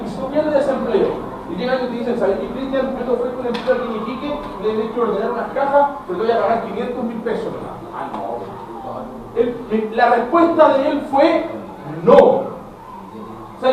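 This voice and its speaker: A man's voice: extremely high pitch, moderate pace. A middle-aged Chilean man lecturing a class as a teacher, speaking directly to his students and acting out little dialogues. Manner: animated, addresses students directly, acts out dialogues. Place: school classroom. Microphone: camera at a distance. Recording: very echoey classroom, far from mic, noisy.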